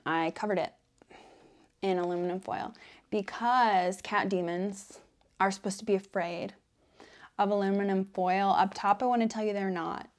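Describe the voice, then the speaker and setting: A woman playing a quirky female devil in an ASMR role-play, talking in a playful, deadpan ramble with frequent self-interruptions. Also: mid-range voice, natural voice. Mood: rambling, exasperated. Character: quirky female devil welcoming a newcomer to hell.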